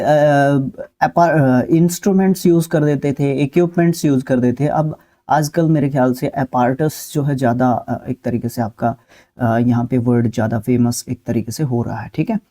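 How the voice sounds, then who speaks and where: Mellow-voiced man teaching vocabulary. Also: medium pitch. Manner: repetitive, with "ठीक है" check-ins and filler sounds. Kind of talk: explanatory lesson, talking through word lists.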